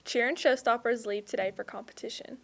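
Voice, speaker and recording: A woman's voice: fairly high pitch, steady tone, a little fast, fairly bright tone. A teenage girl anchoring a student news show, upbeat and playful. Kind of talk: scripted school news reading.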